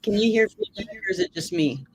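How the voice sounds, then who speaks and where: A woman's voice: fairly high pitch, huge pitch swings, normal speed, vocal fry, darkish tone, breathy edge, poor audio. Woman on a glitchy call line. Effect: glitchy audio over an online call. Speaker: co-host. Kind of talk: casual podcast chat. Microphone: computer microphone on an online call.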